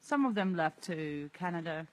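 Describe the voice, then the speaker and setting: Soft spoken guy streaming live outside, thoughtful, second-language english. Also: fairly high pitch, animated, normal speed. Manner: soft-spoken, reflective, laughs often. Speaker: livestream host. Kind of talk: casual livestream vlog. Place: outdoors in an abandoned area.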